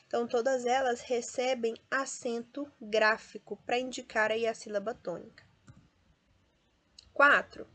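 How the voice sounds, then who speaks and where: A woman's voice: on the high side, level tone, a little slow, a bit bright. Patient Brazilian woman teaching a class. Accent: Brazilian Portuguese. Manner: explains step by step, often adds tag questions; stresses and drawls out example words. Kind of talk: classroom lesson.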